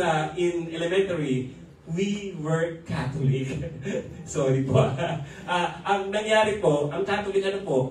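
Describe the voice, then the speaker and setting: A man's voice: high voice, slight background noise. Filipino-accented male pastor, chuckling testimony preacher, recorded from afar in a reverberant church hall. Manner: switches between Filipino and English, chuckles often. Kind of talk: testimony sermon. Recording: echoey hall from far off.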